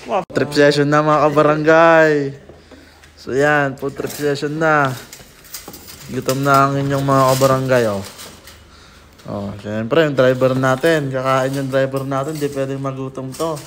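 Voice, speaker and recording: A man's voice: medium pitch, level tone, a little slow. A young man chatting casually to his viewers on a road-trip travel vlog, laughing often, filmed on a phone held at arm's length. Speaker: vlogger. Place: outdoors on a motorbike ride, then an open-air eatery. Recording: loud wind noise on a phone mic. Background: loud wind and traffic noise.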